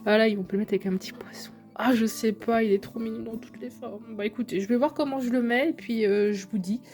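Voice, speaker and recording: Young woman, casual unboxing vlog, gushing and chatty, high-ish voice, soft music behind. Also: quick pace. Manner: gushing, chatty, addresses viewers directly. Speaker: YouTuber unboxing figures.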